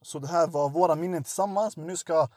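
A man's voice: a little high, darkish tone, slight background noise. A man cohosting a casual chat, mostly agreeing briefly and introducing the next story. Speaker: podcast co-host.

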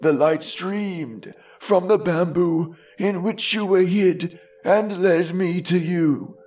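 A man voicing a gentle old bamboo cutter over seventy, speaking slowly and earnestly to his foster daughter in a storybook reading. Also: sits high, soft background music, voice pushed up. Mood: earnest pleading. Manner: slow, earnest, pleading. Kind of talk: storybook read-aloud.

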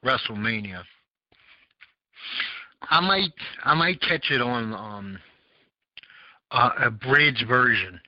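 A Southern American man hosts a casual call-in podcast, rambling and searching for words through many fillers. He speaks slowly with frequent pauses, his medium-pitched voice lively in intonation, recorded with no echo in dull lo-fi audio.

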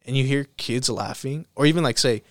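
A man's voice: medium pitch, brisk, no room sound, clean studio sound. A young man chatting casually like a frat bro, with lots of slang and swearing. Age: young adult. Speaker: podcast host. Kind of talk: casual chat.

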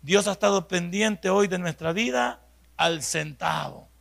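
Gravelly high-voiced pastor in his 50s. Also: lively intonation, unhurried, a bit bright. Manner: conversational preaching, rhetorical questions, acts out prayers and family talks. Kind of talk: Bible study sermon.

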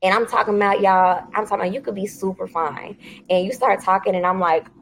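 A woman guest on a podcast, chatting casually in a blunt, animated and profane way. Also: medium pitch, quick pace, vocal fry, a little hiss or hum, poor audio. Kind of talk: casual chat.

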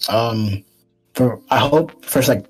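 A man's voice: mid-range voice, soft background music, rough recording. A nineteen-year-old man co-hosting a podcast, talking casually with lots of fillers and restarts. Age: teens. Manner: halting, many fillers and restarts. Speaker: podcast co-host. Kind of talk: casual chat.

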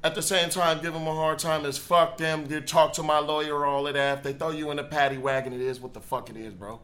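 A man's voice: on the high side, steady tone, a little fast, fairly bright tone. A man hosting a casual reaction show, blunt and constantly swearing as he mocks what he watches. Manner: profane, mocking, blunt. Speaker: host.

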